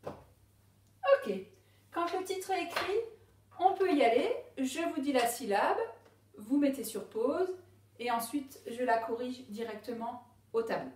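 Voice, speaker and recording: Slow, lively teacher woman in an echoey room. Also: high voice. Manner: clearly sounding out syllables. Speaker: primary school teacher. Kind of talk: slow classroom reading lesson. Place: classroom with a board. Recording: echoey room, voice a bit far from the mic.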